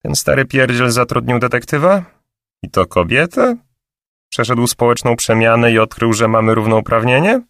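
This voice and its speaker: Brief: male narrator doing a sharp-tongued, brusque woman assistant, pitched up well above his own deep voice, louder and pushier, recorded dry. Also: normal speed, dry recording, close to an everyday voice. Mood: scornful. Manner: mocking, scornful. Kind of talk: audiobook character voice.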